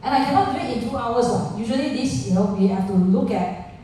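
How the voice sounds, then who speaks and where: A woman running a pitching workshop, talking live to founders and asking the audience questions, dropping local particles like lah. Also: expressive, a little fast, dark tone. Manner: interactive, asks the audience questions. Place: large indoor room with an audience. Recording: echoey room picked up from far off, faint noise.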